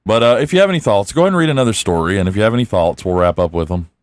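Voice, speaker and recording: A man's voice: fairly low pitch, lively intonation, racing, no room sound. A man hosting a podcast in casual chat, jokey and teasing. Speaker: podcast host.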